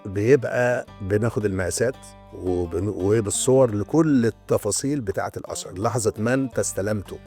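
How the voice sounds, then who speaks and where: Older Egyptian man, fast hesitant storyteller. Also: lowish voice, warm tone, faint music behind. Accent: Egyptian Arabic. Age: 60s. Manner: storytelling, explaining with many hesitations and restarts. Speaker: guest, retired antiquities restorer. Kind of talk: casual interview talk.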